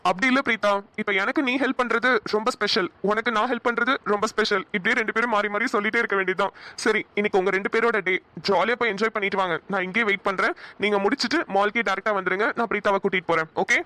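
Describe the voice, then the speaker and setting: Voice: medium pitch, fairly even intonation, fast talker, pushed and bright, no room sound, close to an everyday voice. A voice actor playing Tamil, a helpful young man in a cartoon, who talks bluntly and teases. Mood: kind. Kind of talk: cartoon voice acting.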